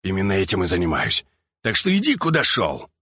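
A man's voice: sits low, wildly swooping pitch, a little fast, pushed and bright, husky, dry recording, clean studio sound, full character voice. A man voicing a menacing young male mutant who growls through clenched teeth. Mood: sullen.

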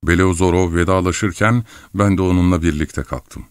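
A man narrates a novel in a calm, measured manner. His voice is very low and steady. The recording is dry and close, with no room sound. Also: clear, resonant tone, no room sound. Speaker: audiobook narrator. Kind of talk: scripted narration.

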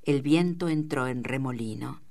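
A woman reading a novel aloud in measured, deliberate narration. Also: rumbling low, vocal fry, darkish tone. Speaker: audiobook reader. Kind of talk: scripted literary narration.

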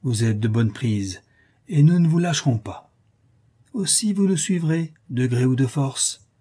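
A man's voice: mid-range voice, animated, measured pace, dark tone, breathy edge. A man voicing a swaggering bandit chief who speaks with sneering, mock politeness.

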